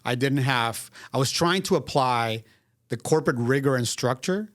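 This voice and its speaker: A middle-aged man from Venezuela, a guest business consultant, telling his story in a measured, reflective way with frequent restarts. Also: mid-range voice, a bit bright, no echo, studio quality. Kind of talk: casual interview.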